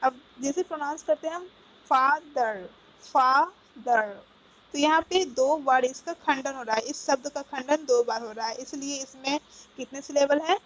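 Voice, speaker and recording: A woman's voice: high voice, normal speed, poor audio. A woman teaching a grammar lesson, explaining step by step and often checking with "okay, got it?". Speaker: English teacher.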